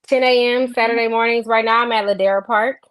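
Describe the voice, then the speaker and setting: A woman guest instructor from Los Angeles, chatting casually, loose and relaxed, laughing easily. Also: fairly high pitch, quick pace, smooth, dry recording. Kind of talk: casual chat.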